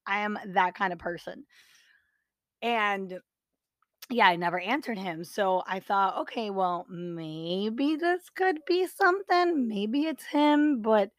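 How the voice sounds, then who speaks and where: A woman's voice: medium pitch, dry recording. A young woman hosting a podcast, telling a personal story in a casual, chatty way with lots of fillers and acted-out quotes. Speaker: podcast host.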